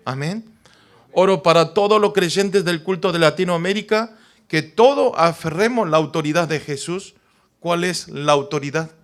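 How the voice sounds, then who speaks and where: A pastor, a native Korean speaker, preaching a sermon emphatically and often asking the congregation to confirm. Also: male voice, on the high side, a bit bright.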